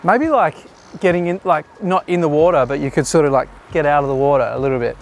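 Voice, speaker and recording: Speaking fast in a slightly high voice, a photographer in his thirties casually explains his shots and directs a model outdoors on a beach jetty. It's relaxed behind-the-scenes commentary, with a little background noise.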